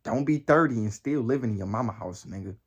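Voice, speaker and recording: A nineteen-year-old motivational vlogger talks straight to camera, repeating the same phrases emphatically and packing in slang and swearing. He speaks quickly with a breathy edge, his voice climbing high and loud whenever he presses a point.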